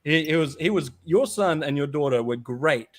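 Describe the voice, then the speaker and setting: A man co-hosting a casual podcast chat, telling animated stories and laughing often. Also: a little high, normal speed, dry recording. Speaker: podcast co-host.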